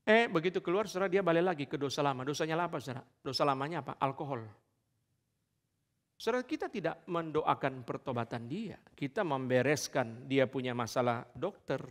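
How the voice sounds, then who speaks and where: A man's voice: on the high side, animated, fairly quick. A male pastor preaching a sermon, emphatic and repeatedly addressing the congregation. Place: large church hall. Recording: long church hall reverb.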